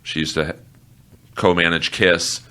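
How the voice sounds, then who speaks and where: A man with a very low yet bright, forceful voice talks as a podcast guest. He is blunt and opinionated, with an irreverent edge. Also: flat delivery, measured pace, clear, resonant tone. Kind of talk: casual interview chat.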